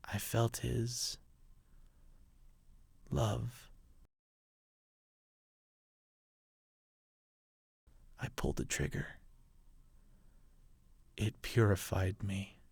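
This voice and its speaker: A man playing a hardened, ruthless military officer, a colonel delivering a grave, deliberate dramatic film monologue. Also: on the low side, dry recording. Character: hardened, ruthless military colonel justifying his brutal mission.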